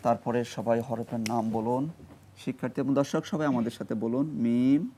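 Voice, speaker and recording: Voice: medium pitch, steady tone, moderate pace, background noise. A Quran reading teacher leading a TV lesson, quizzing students and prompting group recitation, then praising their answers. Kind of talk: TV quiz-style lesson with call-and-response. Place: TV studio with a class of students. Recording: studio with students chanting along.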